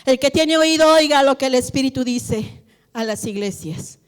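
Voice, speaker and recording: A middle-aged woman pastor preaching a sermon in a church, animated and acting out family conversations. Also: sits high, moderate pace, smooth, big-room sound. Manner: animated, acts out family dialogues.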